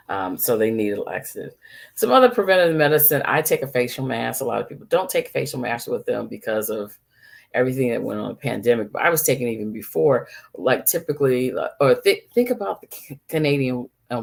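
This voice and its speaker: A woman doctor runs through travel health advice in a relaxed, chatty way, full of ums and little asides. Her voice has a gravelly, fry-edged texture. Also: very deep voice. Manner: chatty, listing tips with many ums and asides. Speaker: physician host. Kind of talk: casual health advice talk.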